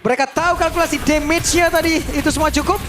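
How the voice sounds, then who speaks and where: A man shoutcasting a live esports match in an excited fighting game announcer style, shouting out the calls. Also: very high voice, racing, over music.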